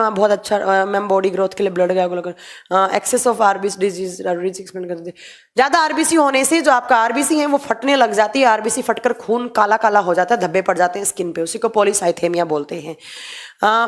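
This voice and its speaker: A young woman teaching biology in a live online class, reading students' chat questions aloud and answering them briskly while mixing in English terms. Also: mid-range voice, fairly even intonation. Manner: mixes Hindi with English terms, brisk and matter-of-fact.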